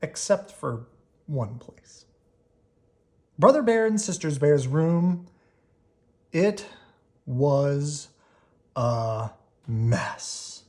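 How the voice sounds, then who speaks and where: A storybook reader performs an expressive children's read-aloud at medium pitch, leaning on key words and drawing them out for emphasis.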